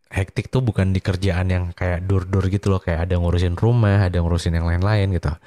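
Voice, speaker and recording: A man's voice: little pitch movement, a little fast, dark tone, no echo. A tired, drowsy man with an Indonesian accent, chatting casually as the host of a late-night solo podcast. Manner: sleepy, drowsy, low-energy delivery. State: tired and slightly unwell.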